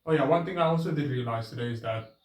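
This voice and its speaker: A man vlogging a casual, rambling self-reflective monologue, his voice drifting between a trained register and a softer natural one. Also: mid-range voice, fast talker. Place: outdoors with his bike. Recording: roomy, distant camera sound.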